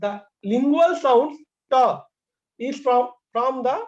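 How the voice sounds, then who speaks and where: A man's voice: very high-pitched, normal speed. A man presents a medical lecture online, listing terms and repeating words as he goes. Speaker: doctor presenting at a medical class. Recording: dull lo-fi online call audio.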